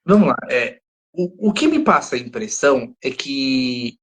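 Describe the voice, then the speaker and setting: A man's voice: mid-range voice, lively intonation, unhurried, husky. A man with a Brazilian Portuguese accent, co-hosting a podcast and picking apart a TV plot as he thinks aloud. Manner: analytical, thinks aloud, restarts often. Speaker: podcast co-host. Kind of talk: casual discussion of a TV episode.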